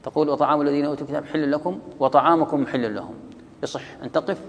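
A man with a gravelly, creaky voice teaching a religious lesson at a brisk pace. He quotes lines of a didactic poem and explains them, often repeating himself. The sound rings with a long hall reverb. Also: a little high, fairly even intonation. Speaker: teacher of Quranic sciences.

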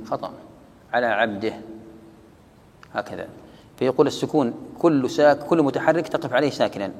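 Gravelly man teaching in a reverberant hall. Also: mid-range voice. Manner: explains slowly, quotes and repeats lines of a didactic poem. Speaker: teacher of Quranic sciences. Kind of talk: religious lesson explaining a verse text.

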